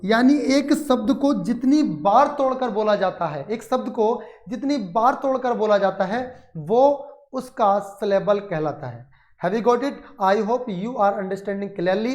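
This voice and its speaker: A man with an Indian accent teaching a grammar lesson, asking and answering his own questions and dictating slowly word by word. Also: high-pitched, lively intonation, darkish tone, roomy sound. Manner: explains in Hindi mixed with English, asks and answers his own questions.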